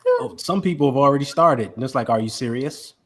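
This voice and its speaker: A man co-hosting a podcast in casual sports chat, animated and repeating words for emphasis. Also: medium pitch, brisk, a little hiss or hum. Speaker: podcast co-host.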